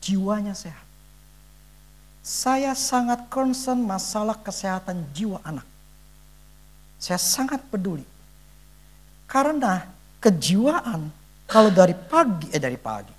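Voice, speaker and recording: A father giving an earnest church testimony in a conversational sermon style, emphatic and often pausing to search for words. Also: sits high.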